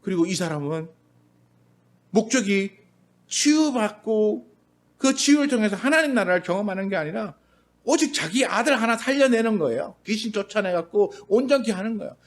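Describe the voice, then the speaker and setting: Male pastor, high-pitched, conversational sermon delivery in a church, drops into quoted voices at times. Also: expressive, moderate pace. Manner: conversational preaching, briefly acts out quoted voices. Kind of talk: Sunday sermon. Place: church sanctuary.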